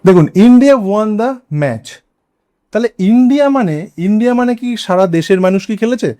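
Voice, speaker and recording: Lively high-voiced Bengali man teaching grammar. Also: normal speed. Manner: spells out words letter by letter, asks rhetorical questions. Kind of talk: explanatory grammar lesson.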